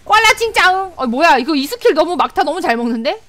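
A young woman streaming a game live, chatting with viewers, often repeating words in rapid excited bursts. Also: high-pitched. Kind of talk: live gameplay commentary.

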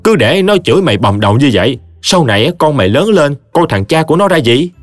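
A man's voice: on the high side, big pitch swings, quick pace, no echo, soft background music, pitched above the performer's own voice. A man voicing a stern male village teacher who lectures his friend scornfully. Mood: scolding.

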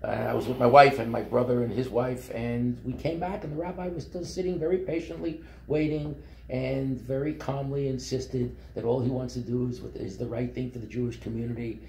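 A man, telling his life story in a relaxed, rambling way with many fillers and restarts. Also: mid-range voice, a little fast, vocal fry, echoey room, a little hiss or hum. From Brooklyn, New York. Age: 70s. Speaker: company founder. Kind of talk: interview storytelling. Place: office meeting room.

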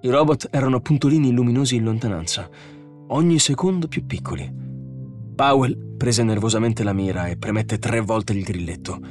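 A man reading a novel aloud as an audiobook narrator, in steady, measured storytelling. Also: mid-range voice, soft background music. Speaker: audiobook reader. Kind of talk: scripted narration.

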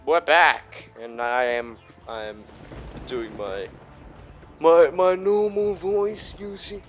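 Faint music sits behind a man with a slightly high voice who takes his time as he hosts a video game playthrough. He rambles, curses freely, plays it up theatrically, and breaks into mock shouts.

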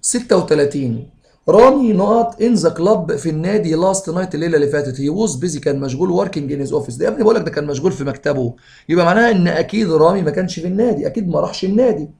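Fast-talking Egyptian male English teacher. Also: fairly high pitch, animated, gravelly, darkish tone. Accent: Egyptian Arabic. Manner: fast, reads English sentences slowly then explains in Arabic. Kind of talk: explaining grammar exercises.

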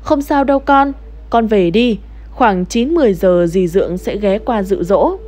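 A woman voicing an older village husband who gently scolds and reassures his wife. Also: medium pitch, animated, unhurried, natural voice. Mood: kind.

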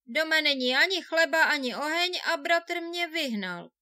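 A woman's voice: fairly high pitch, lively intonation, sharp tone, dry recording, clean studio sound. A woman reading a fairy tale, voicing a poor, hungry peasant man who laments and pleads humbly. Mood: lamenting.

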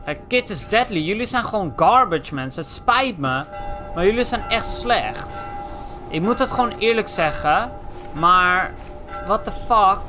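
High-voiced young man gaming, music behind. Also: a little slow. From Netherlands. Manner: excitable, swears a lot, drops English slang. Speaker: gaming channel host. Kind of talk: let's play commentary.

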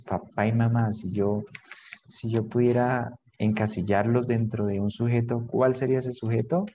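A man's voice: medium pitch, a little mellow, muffled recording, slight background noise. A man teaching an online English grammar lesson, patiently repeating words and switching between English and to explain.

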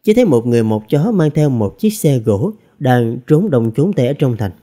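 A man narrating a fantasy novel as an audiobook reader, with expressive storytelling. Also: medium pitch, normal speed.

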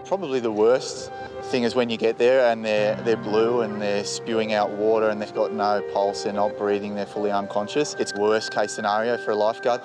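A male lifeguard reflects in an interview. His voice is low and very flat in pitch, with clear music behind it. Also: normal speed.

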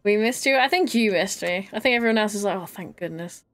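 A chatty woman with a fairly high voice talks to her viewers while she plays, close to her mic. She giggles a lot and keeps the talk loose and casual. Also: fast talker, faint music behind. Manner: giggly, chatty, often laughing. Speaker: streamer. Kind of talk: casual live-stream chat while gaming.

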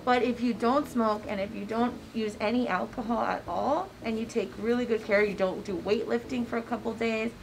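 A woman's voice: a little high, steady tone, normal speed, creaky, hardly any pauses, soft background music, low-quality recording. A woman dentist talking through a face mask, explaining treatment to a patient in a chatty, reassuring way. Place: dental office.

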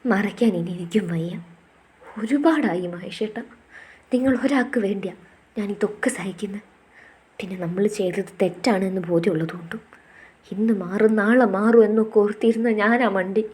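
A woman's voice: mid-range voice, normal speed, a little mellow, slightly rough, lightly acted. A woman voicing a shy young wife who speaks in a pleading, emotional way. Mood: tearful.

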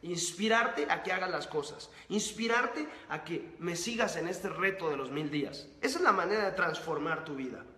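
A man's voice: on the high side, animated, normal speed, few pauses, sharp tone. A man hosting his channel, delivering a motivational monologue full of repeated rhetorical questions and lists. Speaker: host of a book-summary channel. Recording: roomy echo with long reverb.

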